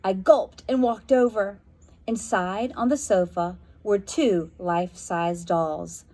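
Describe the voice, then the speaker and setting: This storybook reader, a woman whose voice sits in the middle range, brings a spooky children's novel to life with dramatic narration. Her phrasing is slow and deliberate, expressive and suspenseful.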